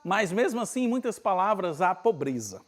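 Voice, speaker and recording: A male pastor with a northeastern Brazilian accent preaching a conversational sermon at a retreat, acting out Bible scenes with lively everyday speech. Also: high-pitched, moderate pace. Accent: Brazilian Portuguese, northeastern.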